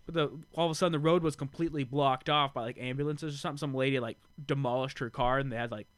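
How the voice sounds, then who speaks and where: A man's voice: mid-range voice, fairly even intonation, fast, a bit bright, no room sound. A man in a casual group chat, telling stories eagerly with lots of fillers.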